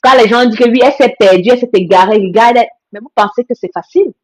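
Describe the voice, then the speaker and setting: A woman with a slightly high voice, hosting a casual live stream. She speaks bluntly and forcefully, hammering her points home by repeating phrases, and breaks off now and then to greet viewers reading her comments. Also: rapid-fire. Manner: blunt, emphatic, repetitive phrasing.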